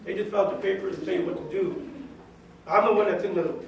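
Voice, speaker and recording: California guy in his 40s, chef talking to a class, raspy gravelly voice, heard from far off in a really echoey classroom. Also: high-pitched, steady tone, fast talker. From California, USA. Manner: chatty and direct, full of "you know" and retold quotes. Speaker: guest speaker, chef and caterer. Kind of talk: casual talk to a class of students. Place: high school classroom. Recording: very echoey classroom, mic far off, faint hiss.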